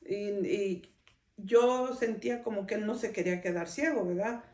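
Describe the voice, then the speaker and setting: A middle-aged woman hosts a podcast, telling personal stories in a chatty, conversational way and often adding a questioning tag to her sentences. Her mid-range, darkish voice moves at a moderate pace. She's recorded off-mic from a distance, giving a roomy sound.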